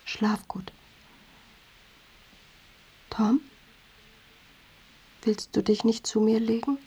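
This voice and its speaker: Very breathy, hushed, lonely wife. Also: female voice, on the high side, steady tone, drawn-out words, full character voice, poor audio. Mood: tender. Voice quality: breathy, hushed, often half-whispered. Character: patient, lonely wife seeking her husband's affection. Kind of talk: intimate German radio drama acting.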